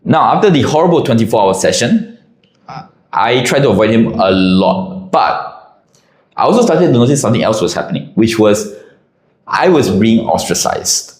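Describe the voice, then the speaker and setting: A man telling a casual anecdote with an animated, expressive delivery. His pitch moves around a lot as he talks. The recording has a noticeable roomy echo. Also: normal speed. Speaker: storyteller. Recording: echoey room.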